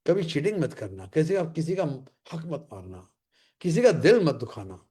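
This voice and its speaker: A man giving a motivational leadership training talk, emphatic and repetitive, slowing down to deliver short catchphrases in English. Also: fairly high pitch, sing-song, warm tone, husky.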